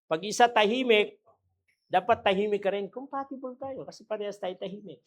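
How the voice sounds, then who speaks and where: Animated Filipino pastor preaching. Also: male voice, a little fast. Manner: lively preaching with wide swings in pitch and loudness, laughing at own jokes; mixes English Bible phrases into Tagalog preaching. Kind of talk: sermon.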